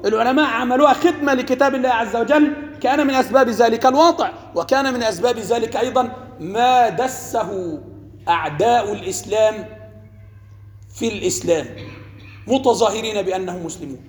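Egyptian sheikh teaching, very high voice, echoey hall with long reverb. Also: male voice, brisk. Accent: Egyptian Arabic. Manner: rhetorical questions to listeners, mixes formal and colloquial. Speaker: sheikh and preacher. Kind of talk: religious lesson.

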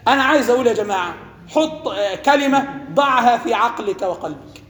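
Fast, high-voiced Egyptian sheikh. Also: male voice, expressive, a bit bright, slight background noise. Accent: Egyptian Arabic. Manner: rhetorical questions to listeners, mixes formal and colloquial. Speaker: sheikh and preacher. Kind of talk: religious lesson. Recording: echoey hall with long reverb.

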